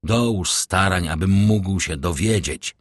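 A desperate young nobleman from a storybook begs for the truth in a low, husky voice, as a man reads him out. His talk is urgent and pleading. The sound is close and dry. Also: takes it slowly, no room sound. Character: distraught young nobleman seeking his father's killer.

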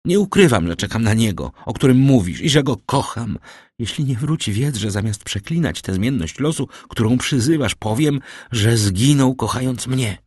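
Brief: proud young village woman, firm and earnest, lifted pitch, read by a man. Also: expressive, normal speed, a little mellow, breathy edge, dry recording, clean studio sound. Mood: passionate.

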